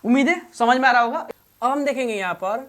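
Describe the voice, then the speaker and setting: High-voiced woman teaching grammar patiently. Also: expressive. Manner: repeats each example slowly, prompts with questions; addresses learners fondly as "babu". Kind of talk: Hindi-medium classroom grammar lesson.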